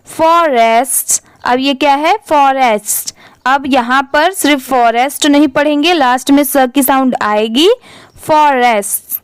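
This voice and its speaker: A high-voiced woman teaches English reading at an unhurried pace. She spells each word out letter by letter, blends the parts together and patiently repeats the result. The recording is dry, with no room sound. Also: clear, resonant tone, no room sound. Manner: spells words letter by letter, then blends them. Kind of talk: slow spelling-out lesson.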